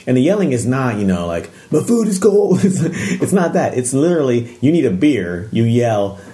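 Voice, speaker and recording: A man co-hosting a podcast, chatting casually and telling animated stories with frequent laughs. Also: mid-range voice, normal speed. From Japan. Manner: animated storytelling, laughs often. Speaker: podcast co-host. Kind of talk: casual chat.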